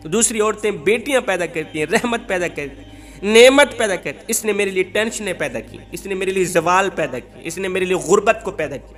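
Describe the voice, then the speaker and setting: A preacher voicing an angry ranting husband. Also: male voice, sits high, lively intonation, fairly bright tone, faint music behind. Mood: bitter complaining. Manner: ranting, rapid accusing repetitions. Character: angry poor husband cursing his wife.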